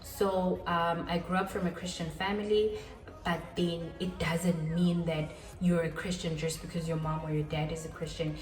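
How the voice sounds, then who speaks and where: Chatting casually to her viewers, the channel host, a woman in her twenties, speaks a little low with little pitch movement, repeating points, laughing quickly and poking fun at herself. The distant mic leaves the vlog roomy and echoey, and soft music plays underneath.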